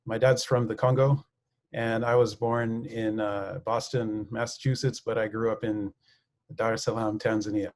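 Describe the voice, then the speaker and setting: A man's voice: lowish voice, flat delivery, moderate pace. A male physics instructor moderating a video call panel in an easygoing way.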